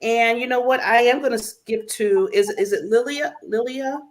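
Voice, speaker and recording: A woman's voice: on the high side, normal speed. A woman hosting a casual online talk show over a video call, chatty and laughing often.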